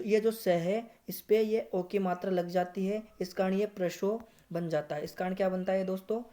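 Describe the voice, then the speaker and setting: A man's voice: high voice, mellow. A male teacher giving a screen-recorded grammar lesson. He repeats words, keeps addressing viewers as friends and corrects himself as he goes. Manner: corrects himself mid-explanation. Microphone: screen recorder app.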